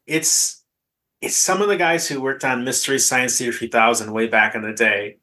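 A man's voice: mid-range voice, fairly even intonation, normal speed, bright, forceful tone. A man co-hosting a podcast, chatting casually about a film and laughing between points. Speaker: podcast co-host.

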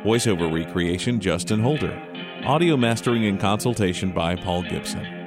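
A man with a fairly low voice reads the closing credits in a steady, formal tone. Guitar music plays clearly underneath him. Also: normal speed. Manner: even, formal reading. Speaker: podcast narrator reading credits. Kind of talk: scripted narration.

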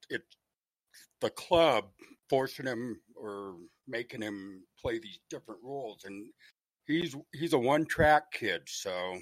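A man's voice: lowish voice, fairly bright tone, no echo. An Australian man calling in to a sports talk show on a crackly phone line that fades in and out, hesitant but firmly opinionated. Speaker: caller.

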